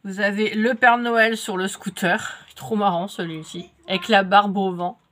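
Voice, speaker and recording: Here a French-accented crafts vlogger, congested from a cold, casually narrates opening craft kits with lots of fillers and false starts. Her pitch is medium, her tone steady and fairly bright, and she never rushes.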